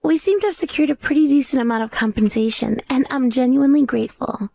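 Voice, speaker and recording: A woman's voice: high-pitched, fast talker, vocal fry, warm tone, no room sound. A woman playing a grateful, effusive accomplice in a dramatized story of revenge. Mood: grateful, elated. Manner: effusive, modest.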